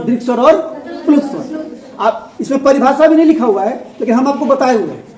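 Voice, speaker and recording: Woman teacher, high voice, quizzing class, echoey classroom. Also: a little mellow. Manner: asks questions and repeats answers, laughs often. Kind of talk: classroom Hindi grammar lesson.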